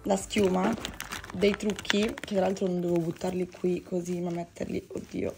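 A woman's voice: on the low side, level tone, moderate pace, creaky, music in the background. A woman in her twenties chatting casually to camera as a vlogger, recorded on a phone at arm's length. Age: 20s. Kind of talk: casual vlog chat to camera.

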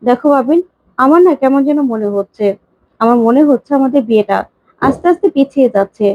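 A woman's voice: sits high, fast, dry recording, muffled recording, close to an everyday voice. A woman voicing a worried young fiancée who talks anxiously.

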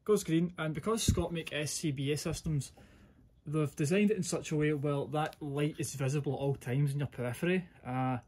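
A man's voice: on the high side, normal speed, a little mellow. A man giving a casual hands-on product review in an informal, rambling way, often correcting himself. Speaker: gear reviewer.

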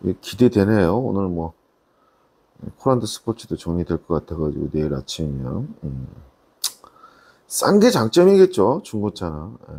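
Low, gravelly used-car salesman. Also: normal speed, dark tone. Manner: informal salesman patter, repeating selling points. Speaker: used car dealer presenting a car. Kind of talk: casual, unscripted sales walkaround review.

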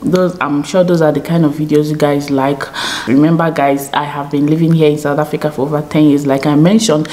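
A Nigerian woman in her thirties, a YouTube vlogger, chats casually to camera in a small home studio, often checking in with "okay?". Her low voice is warm, the delivery flat and a little fast.

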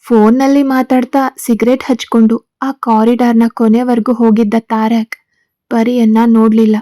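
A woman narrating a serial story in a calm, even storytelling voice. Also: a little high, normal speed, no room sound.

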